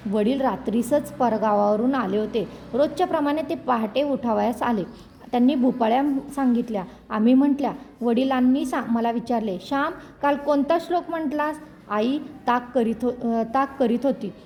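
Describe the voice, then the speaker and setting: A woman narrating a storybook in a measured, expressive reading. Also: a little high, a little hiss or hum.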